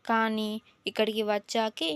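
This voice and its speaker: A woman's voice: fairly high pitch, monotone, measured pace, fairly bright tone, smooth, dry recording. Woman doing storybook student girl, melodramatic, whiny, tearful pleading, dry close sound. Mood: melodramatic whining. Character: dramatic young female student, sulky and tearful.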